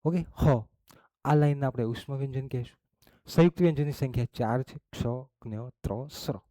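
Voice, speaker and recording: A man's voice: mid-range voice, mellow, no room sound. A man teaching a class, explaining step by step and checking in with "okay?" after each point. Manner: slow, explains step by step with frequent "okay?" and "barabar?". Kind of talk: classroom lesson.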